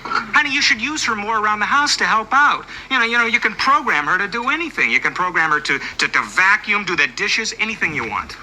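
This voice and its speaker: Flustered sitcom dad. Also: male voice, sits high, animated, sharp tone, slight background noise, exaggerated voice, rough recording. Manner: nervous, fast backpedaling. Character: flustered suburban dad hiding a secret. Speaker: father and husband. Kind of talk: sitcom acting.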